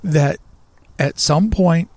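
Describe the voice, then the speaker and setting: A man chats as a podcast co-host, telling stories with plenty of animation and slipping into little quoted voices. His voice sits a bit high for a man. The sound is dry and close, with no room around it. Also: takes it slowly, darkish tone, no echo. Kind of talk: casual chat.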